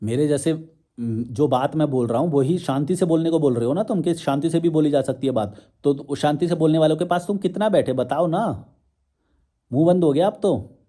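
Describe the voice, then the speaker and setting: A young man talks straight to his viewers in a combative, challenging way, stacking up rhetorical questions. His voice sits a little high but sounds mellow and warm. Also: normal speed. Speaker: social media commentator. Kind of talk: confrontational monologue to viewers.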